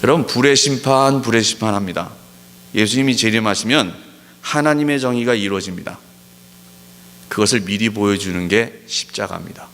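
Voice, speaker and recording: A pastor preaches a sermon in a fairly low, fairly bright voice, pushing his points with emphatic rhetorical questions and slowing down to stress key words. The recording carries a long hall reverb.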